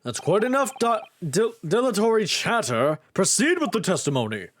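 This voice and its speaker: A woman's voice: mid-range voice, very animated, moderate pace, a little hiss or hum, natural voice. A woman voicing a pompous, exasperated male judge in a courtroom video game, with formal speech. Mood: stern. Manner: pompous, formal, breaking into swearing.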